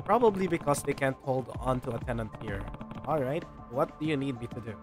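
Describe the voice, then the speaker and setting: His mid-range voice is expressive and brisk as he livestreams a game over its music. He reads the dialogue aloud playfully, adding his own comments and sometimes fumbling a line.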